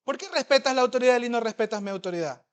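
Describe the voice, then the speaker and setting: A man's voice: very high-pitched, rapid-fire, clean tone. A man voicing his own father as a stern parent questioning why his son ignores his advice. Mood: reproachful. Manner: reproachful, questioning.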